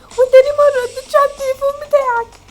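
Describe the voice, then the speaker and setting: A frantic game mother with an Egyptian accent, wailing in a voice pitched far above her own. She sobs and shrieks loudly over a lost grown son, nearly hysterical. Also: flat delivery, racing, slight background noise. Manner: wailing, sobbing, shrill and loud.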